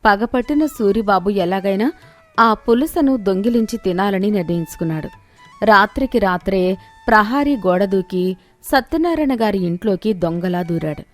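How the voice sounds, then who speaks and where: A woman narrating an animated moral story in a steady, expressive way. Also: medium pitch, normal speed, faint music behind.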